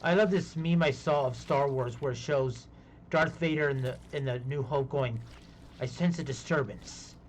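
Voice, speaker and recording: A man's voice: medium pitch, normal speed, a little hiss or hum. A man chatting casually while playing a game on a live stream, rambling between topics and laughing easily. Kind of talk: casual gaming chat.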